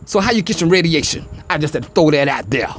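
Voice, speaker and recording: A man's voice: on the high side, lively intonation, fast, a little hiss or hum. A man rambling conspiratorially in slang, talking into a phone held in his hand outdoors by a street. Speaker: vlogger. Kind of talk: casual rambling monologue. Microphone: phone held in hand away from face.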